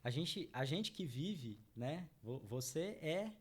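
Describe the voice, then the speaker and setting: A middle-aged chocolate brand founder from Minas Gerais, Brazil, talks slowly about his business in an interview, his fairly high, slightly rough voice swinging widely in pitch. He addresses the audience earnestly and frequently adds "né?" ("right?").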